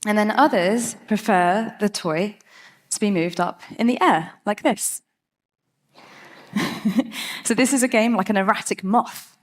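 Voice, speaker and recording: A woman giving a lively, chatty talk on stage as a cat behaviour speaker, laughing often. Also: mid-range voice, takes it slowly, long pauses. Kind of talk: TED-style talk.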